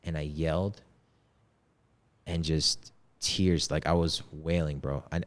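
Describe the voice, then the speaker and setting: Deep-voiced young man telling a story. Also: steady tone, slow. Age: 20s. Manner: slangy and candid, heavy on "yo" and "bro". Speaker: podcast guest, men's coach. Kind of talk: casual storytelling.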